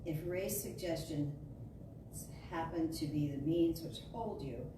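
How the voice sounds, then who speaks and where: The voice sits low as a woman reads a spiritual talk like a storyteller, turning a metaphysical sermon into a dramatic, emphatic, declarative performance with deliberate phrasing. A large indoor spiritual center room forms the backdrop, and the distant recording is noisy with hall echo.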